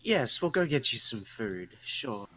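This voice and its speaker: A man's voice: medium pitch, big pitch swings, measured pace, pushed and bright, poor audio. A man playing a tabletop game, talking casually and jokingly with the group.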